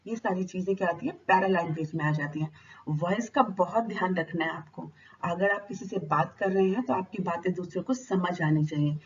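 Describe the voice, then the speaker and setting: A woman's voice: on the low side, normal speed. A woman teacher explains her subject, often posing a question and answering it herself. Her voice sounds a little distant from the mic on a dull recording with a faint hiss behind it. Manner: asks rhetorical questions and answers them herself. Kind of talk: explanatory lecture.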